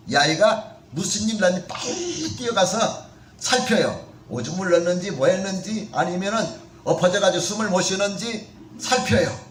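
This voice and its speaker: Male pastor, high voice, chatty sermon delivery, echoey room, a bit off-mic. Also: far from the mic, slight background noise. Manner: conversational preaching with questions to the congregation. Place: church sanctuary.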